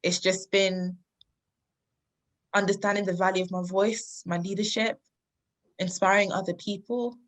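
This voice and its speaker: A woman's voice: medium pitch, steady tone, measured pace, long pauses. A woman in her thirties from London, a podcast guest speaking earnestly and reflectively, often laughing. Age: 30s. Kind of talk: casual interview talk.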